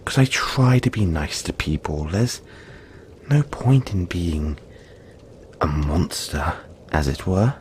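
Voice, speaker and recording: In an intimate audio roleplay, a man plays a gentle, cuddly, long-lived yeti, speaking reassuringly with breathy, dramatic pauses. His voice is low-pitched, the mood warm and playful, with a little hiss or hum in the audio.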